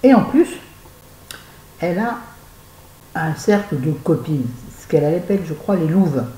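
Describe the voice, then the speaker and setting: A woman's voice: deep voice, animated, unhurried, mellow, echoey room, poor audio. A woman chatting casually to camera in a book review vlog, digressing often and talking straight to her viewers, at home. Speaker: book vlogger. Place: at home with a fan nearby.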